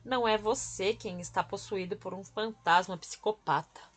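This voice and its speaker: A woman's voice: mid-range voice, moderate pace, fairly bright tone, natural voice. A woman reading the lines of a stubborn, irritable young woman in an audiobook. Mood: shaken. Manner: sulky, defensive.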